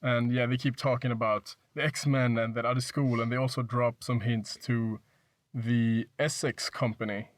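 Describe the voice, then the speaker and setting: A man chatting casually as a film critic on a podcast, relaxed and hedging, steering the discussion. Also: mid-range voice, moderate pace. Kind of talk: casual film review chat. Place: inside a parked car.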